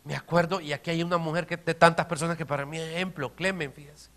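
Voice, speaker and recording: A man preaches with a bright, ringing voice that sits a little high for a man. He moves from hushed, intimate asides to loud, repeated emphasis. The sermon keeps shifting in volume and drive. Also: steady tone, fast. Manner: dynamic preaching, swinging from soft to shouted emphasis. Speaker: pastor.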